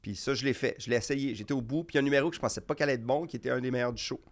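A man with a Québécois French accent, a comedian chatting casually and telling rambling, animated stories. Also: mid-range voice, racing. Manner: animated storyteller, rambling restarts. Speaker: comedian guest. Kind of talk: casual chat.

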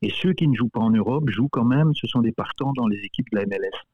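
A man's voice: medium pitch, fast, no echo. A man from Belgium, a guest soccer coach in a casual radio interview, talking hesitantly with many repeated words and fillers. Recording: tinny phone line.

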